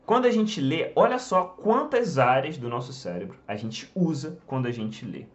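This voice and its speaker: A man's voice: mid-range voice, animated, moderate pace, lo-fi sound. A Brazilian man teaching an online lesson in casual chat, pointing at a board and dropping frequent "tá?" fillers. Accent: Brazilian Portuguese. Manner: talks while drawing on a board, many fillers like "tá?" and "ó". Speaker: English teacher.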